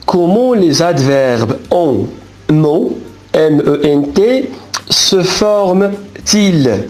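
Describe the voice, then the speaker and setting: A man teaching a French grammar lesson, spelling out word endings letter by letter and pausing to correct himself. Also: fairly high pitch, expressive, darkish tone. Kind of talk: grammar lesson explaining rules.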